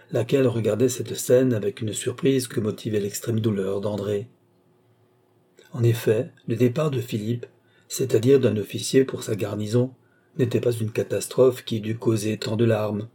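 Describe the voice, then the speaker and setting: Male audiobook narrator, measured literary reading, warm husky tone. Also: mid-range voice. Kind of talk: novel reading.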